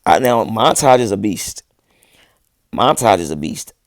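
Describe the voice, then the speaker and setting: A man in his thirties, a musician, chats on a livestream in a lowish, sing-song voice, a little slowly, in echo-free studio-quality sound. He answers viewers in laid-back slang, says he's losing his voice, and restarts constantly.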